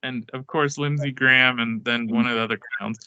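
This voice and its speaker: A man's voice: mid-range voice, steady tone, brisk, bright, forceful tone, clean tone, dry recording, highs cut off. A man speaking as a guest in a casual political chat, talking loosely and saying "like" often. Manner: loose, lots of "like".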